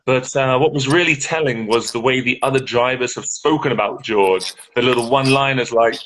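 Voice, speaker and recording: A man co-hosts a casual live-stream chat over a video call, easygoing and chatty, with British turns of phrase. His medium-pitched, fairly bright voice runs a little fast over slightly crackly audio.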